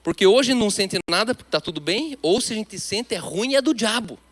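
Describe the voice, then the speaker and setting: A man with a Brazilian Portuguese accent preaching a sermon, emphatic, his delivery swinging between loud declarations and hushed asides. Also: high-pitched, lively intonation, fairly quick. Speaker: pastor.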